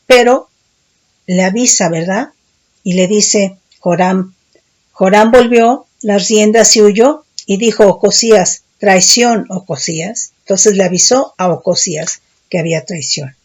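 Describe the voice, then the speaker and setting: A woman preacher giving a Bible teaching, explaining slowly and often adding tag questions to check that her listeners follow. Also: medium pitch, a little mellow.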